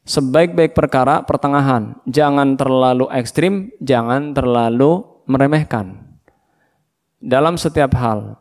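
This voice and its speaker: In a mosque hall with long reverb, a man with an Indonesian accent and a mid-range voice teaches Quran recitation. He draws each verse out slowly and patiently corrects single syllables in call-and-repeat drills.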